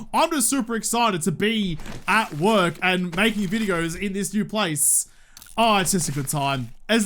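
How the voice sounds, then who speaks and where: A man's voice: very high voice, fairly bright tone, slight background noise. An Australian man giving casual gameplay commentary, talking in a slangy, joking, cheerfully sweary way. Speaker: gaming video host.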